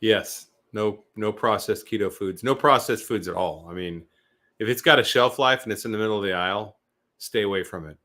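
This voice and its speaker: Emphatic lower-voiced male guest. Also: fairly quick, bright, forceful tone. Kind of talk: casual live Q&A chat.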